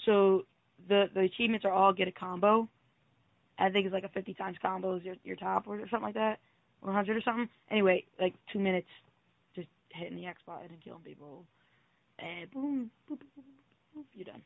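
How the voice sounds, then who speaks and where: A young man with a high voice, chatting about games in a relaxed, slangy way. The sound is thin like a phone call. There is no room echo at all. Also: quick pace, gravelly. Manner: laid-back, slangy, fond of sound effects. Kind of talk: casual late-night chat about games and shows. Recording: tinny phone-like line, dry.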